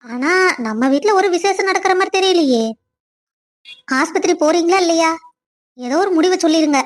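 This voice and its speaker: A woman's voice: very high-pitched, lively intonation, normal speed. A woman voicing a scolding, middle-aged mother-in-law in a cartoon family drama, with a Kongu Tamil accent. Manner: scolding, complaining.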